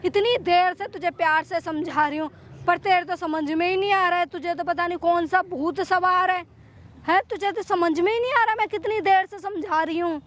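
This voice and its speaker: A woman's voice: very high voice, a bit bright. A woman playing a cruel, greedy young daughter-in-law who scolds and threatens her mother-in-law in a staged outdoor skit by a river. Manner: scolding, threatening, repeating orders.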